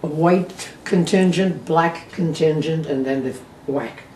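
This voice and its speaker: An elderly American woman, a war veteran, recalling memories unscripted in short, halting phrases. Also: low-pitched, warm tone. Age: 80s or older. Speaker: war veteran being interviewed. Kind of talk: unscripted reminiscing. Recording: roomy, distant microphone with faint noise.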